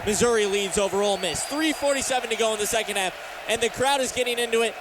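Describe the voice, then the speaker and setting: An American radio announcer and sports talk host, speaking fast in a high voice, gives live basketball play-by-play from courtside in a sports arena. Crowd noise and faint background noise fill the live broadcast.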